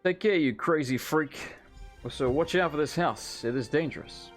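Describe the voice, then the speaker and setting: A man's voice: a little high, normal speed, soft background music. A man doing casual let's play commentary in a joking, irreverent way, with muttered asides.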